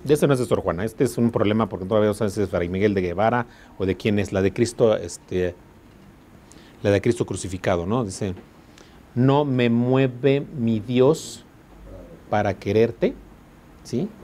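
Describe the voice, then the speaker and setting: A law school teacher with a Mexican accent gives a classroom lecture in a fairly low, slightly mellow voice, talking a little fast. He explains patiently and keeps asking his students whether they follow.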